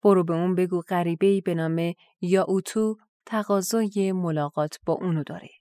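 Firm, earnest young man in a storybook tale, read by a woman, low and mellow. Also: fairly even intonation, dry recording, studio quality, lightly acted. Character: young man returning to his father's palace.

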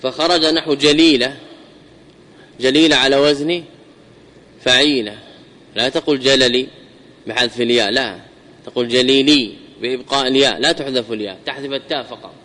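A man giving a classroom grammar lesson, repeating examples slowly and putting questions to his students. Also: medium pitch, pushed and bright. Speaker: teacher explaining grammar. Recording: long reverb hall.

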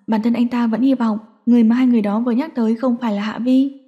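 A woman reading a dramatic audio story as narrator, steady and scripted. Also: on the high side, fast talker, muffled recording.

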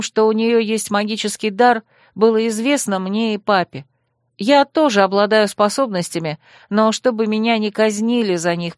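A woman voicing a weary young orphaned heroine who speaks quietly and plainly in an audiobook. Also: mid-range voice, no room sound, clean studio sound, lightly acted. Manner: quiet, tired, straightforward.

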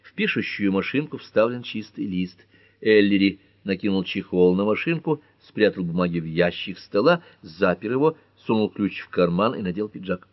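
Male audiobook narrator, low voice, lively intonation, dry close sound. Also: normal speed, dry recording. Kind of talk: scripted narration.

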